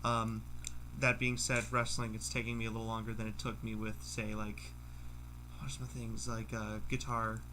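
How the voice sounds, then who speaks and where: A young man chatting casually as a podcast guest, halting and rambling, often repeating his phrases. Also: lowish voice, flat delivery, bright, forceful tone, slight background noise, rough recording. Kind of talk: casual chat among friends.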